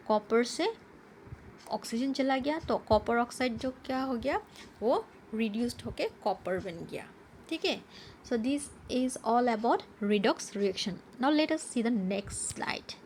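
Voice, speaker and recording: A woman's voice: a little high, a little hiss or hum. Woman teaching, quizzing herself. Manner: switches between Hindi and English, reading English definitions slowly; asks herself questions and answers them. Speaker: science teacher. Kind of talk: slide-based lesson explanation.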